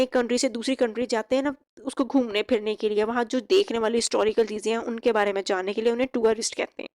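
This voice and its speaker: A young woman teaching English vocabulary. She reads each example sentence slowly and clearly, then explains it. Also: fairly high pitch, a little mellow, dry recording. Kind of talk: vocabulary lesson.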